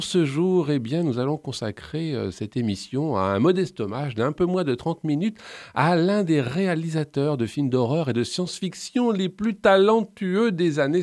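A man's voice: on the high side, dry recording, studio quality. A man hosting a radio show about film music, playful and digressive, with jokes and asides. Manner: playful, digressive, lively delivery. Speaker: radio host.

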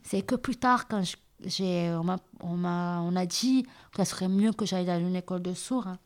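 A woman's voice: fairly low pitch, normal speed. Hesitant woman with a southern French accent. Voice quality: hard of hearing, lipreads. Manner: hesitant, many fillers and restarts. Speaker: interviewee. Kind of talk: casual interview.

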